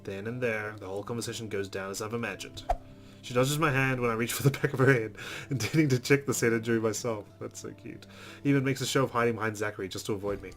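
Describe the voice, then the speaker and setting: A male let's play streamer reads visual novel narration aloud, stumbling at times and slipping in amused asides. His voice is lowish, steady, and fairly bright, and he talks fast. Guitar music from the game plays in the background.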